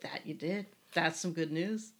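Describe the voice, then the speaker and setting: A woman's voice: deep voice, measured pace, fairly bright tone. A woman co-hosting a casual podcast, giving brief, laid-back replies. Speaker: podcast co-host. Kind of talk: casual chat.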